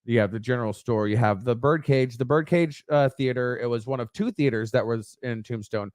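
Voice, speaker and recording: A middle-aged man co-hosting a casual podcast, blunt and profane, halting with lots of fillers. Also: mid-range voice, darkish tone, no echo, clean studio sound. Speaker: podcast co-host. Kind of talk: casual chat.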